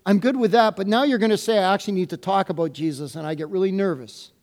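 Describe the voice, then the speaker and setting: A middle-aged man, a pastor, preaching a sermon and telling a personal story, acting out the dialogue with lively delivery. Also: high-pitched, fast talker.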